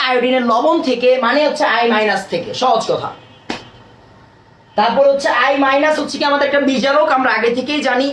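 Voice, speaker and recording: A man's voice: extremely high pitch, fairly bright tone. A young man, teaching a live online chemistry class. He talks casually and keeps throwing questions at his students. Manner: quick, chatty, keeps prompting students with questions. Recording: roomy echo.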